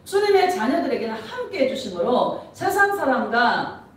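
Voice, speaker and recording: Lively woman preaching in an echoey church. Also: high voice, moderate pace, recorded from a distance, a little hiss or hum. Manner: animated, laughing often, asks the congregation questions. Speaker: pastor. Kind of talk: sermon. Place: church sanctuary.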